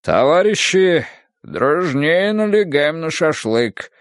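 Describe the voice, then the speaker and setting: A man voicing a hearty older male chairman in an audiobook, declaiming slowly with a gravelly edge. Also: on the low side, big pitch swings, dry recording, clean studio sound, pitched below the performer's own voice, exaggerated voice.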